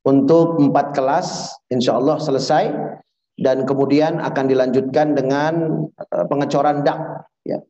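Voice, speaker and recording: A man giving a religious lesson to a live audience. He keeps quizzing his listeners with quick questions and chants Arabic prayer phrases slowly. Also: medium pitch, steady tone, mellow. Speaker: religious teacher. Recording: echoey, slightly dull hall recording.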